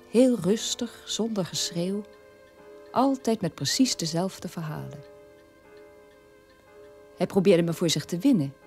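In a measured radio-play monologue, an actress plays the sober, middle-aged daughter of a war criminal telling her past. Her husky voice is fairly low in pitch with a darkish tone.

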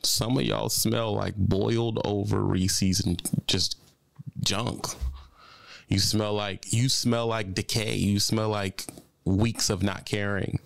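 A man's voice: on the low side, little pitch movement, takes it slowly, vocal fry, dry recording. A man in his thirties hosting a trucking channel, giving blunt, preachy commentary with lots of repeated phrases, speaking into a studio mic. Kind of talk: commentary on a reaction video. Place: home studio with colored lights. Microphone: studio mic on a boom arm, headphones.

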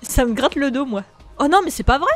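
A high-pitched woman plays a brawling video game with a friend, rowdy and playful, laughing and shouting as she goes. Game music plays faintly behind her. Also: animated, fairly quick. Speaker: gaming YouTuber. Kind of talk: casual let's play chat.

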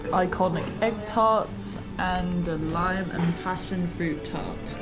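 A woman's voice: lowish voice, slow pace, over loud music, poor audio. A young woman making casual remarks while filming outdoors on her phone. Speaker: travel vlogger. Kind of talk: casual on-camera chat.

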